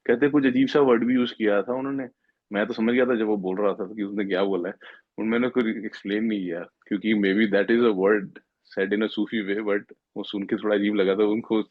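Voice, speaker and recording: This fairly low-voiced, middle-aged man shares a testimony at a satsang, earnestly recounting a devotional story at a moderate pace with fairly even intonation. He performs the quoted speech and mixes in some English, captured in a dry, tinny, phone-like recording.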